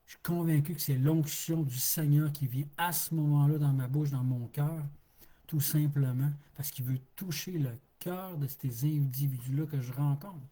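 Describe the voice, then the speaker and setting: A middle-aged Québécois man preaching in a relaxed, folksy way, often repeating a word for emphasis. His voice is mellow and a little husky. He talks like a street pastor speaking plainly to his flock. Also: on the high side, moderate pace. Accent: Québécois French. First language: French. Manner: folksy, laughs easily, repeats words for emphasis. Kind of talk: informal sermon on a live stream.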